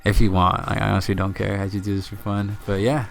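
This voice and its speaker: A man's voice: on the low side, little pitch movement, quick pace, vocal fry. A young man telling a long casual story to his channel, rambling with many fillers and repeated words. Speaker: channel host.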